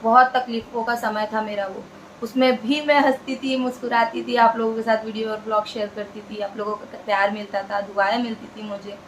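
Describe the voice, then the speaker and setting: A vlogger woman talks straight to her viewers in a fairly high voice. She is earnest and chatty and repeats her phrases to drive them home. A faint hiss sits under the talk. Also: flat delivery, fairly quick, rough recording. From India. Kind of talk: casual talk to camera.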